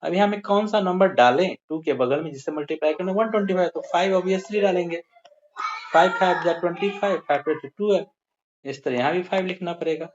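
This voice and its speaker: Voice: mid-range voice, fast. A maths teacher giving a step-by-step lesson, counting through each sum aloud and addressing the pupils as dear children. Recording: slightly muffled with faint hiss.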